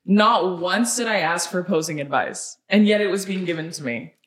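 A woman's voice: lowish voice, expressive, normal speed, reverberant. A woman co-hosting a podcast in casual chat, sassy and blunt, swearing freely and repeating phrases for emphasis. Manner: emphatic repetition for effect. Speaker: podcast co-host.

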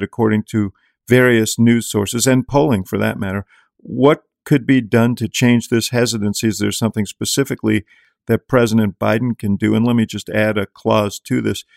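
Older male podcast host, gravelly, dry close sound, easy conversational manner. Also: mid-range voice, no room sound. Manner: conversational, reads listener mail aloud. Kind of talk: casual political chat.

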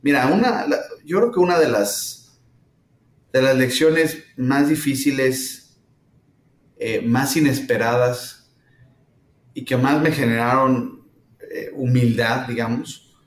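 A middle-aged man from Mexico with a Mexican accent, answering interview questions thoughtfully with many pauses and fillers. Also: medium pitch. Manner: thoughtful, hesitant with frequent fillers. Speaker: startup founder, guest. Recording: roomy echo.

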